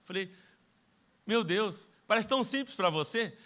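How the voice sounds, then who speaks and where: A man's voice: high-pitched, animated, measured pace, a bit bright. A middle-aged Brazilian man preaching a sermon as pastor, telling stories with self-mocking humor and acting out the dialogues. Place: church stage.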